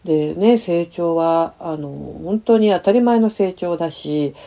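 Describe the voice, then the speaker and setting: Speaking a little slowly in a lowish voice, a middle-aged counselor tells a personal story. She is soft and hesitant, sprinkling in many fillers and vivid sound words.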